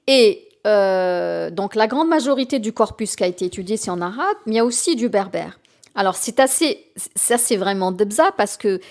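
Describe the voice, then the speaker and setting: A woman, an author being interviewed on the radio, who speaks hesitantly with many fillers and restarts. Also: on the high side. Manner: mixes in Algerian Arabic phrases. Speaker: guest author.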